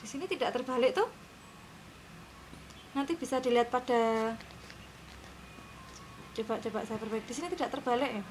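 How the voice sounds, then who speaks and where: A woman teacher with a fairly high voice leads her class through the lesson in a patient way, stopping often to check that everyone can follow. Faint noise sits under her voice. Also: moderate pace, pauses often, a little mellow, rough recording.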